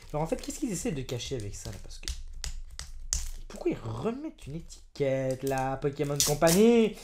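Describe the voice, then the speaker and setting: A man opening trading card packs on camera, excitable and exclamatory, chatting to his viewers as friends. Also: on the high side, slight background noise.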